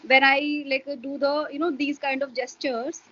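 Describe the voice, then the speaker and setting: A Hindi-speaking woman, an adult parent, explains her views as an interview guest in casual, explanatory talk, hesitant and full of fillers. Her high voice is steady and a bit bright at a normal speed, recorded with lo-fi sound.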